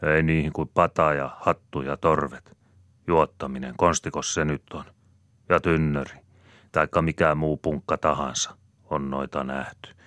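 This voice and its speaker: A man reading aloud gives a rambling middle-aged country father, rustic and boastful in speech, talking a bit louder than his own narration. His voice stays very deep underneath, and the sound is dry and close. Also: steady tone, no room sound. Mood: defensive.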